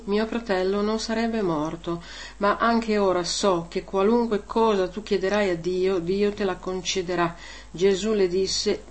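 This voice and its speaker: Woman preacher, scripture reading and homily, emphatic, rising on key words, mid pitch. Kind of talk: Gospel reading then homily.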